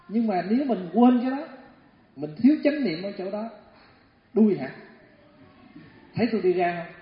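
A male Buddhist teacher gives a dharma talk, animated and full of acted-out stories. His voice sits a little high. The recording is dull and lo-fi, with long hall reverb and faint ambient noise. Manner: storytelling, animated, acts out voices.

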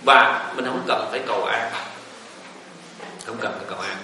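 Buddhist teacher, male, bright voice, folksy sermon, far-off echoey room recording. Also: mid-range voice, fairly even intonation, moderate pace. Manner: folksy, joking, rising and falling emphasis. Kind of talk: dharma talk. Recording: echoey room, voice from a distance, faint hiss.

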